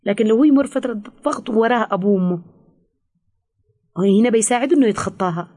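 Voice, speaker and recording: A woman with a Yemeni Arabic accent, a counselor explaining things in an interview, fast with frequent hesitations. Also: a little high, warm tone. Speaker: teen counselor. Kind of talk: expert interview answers.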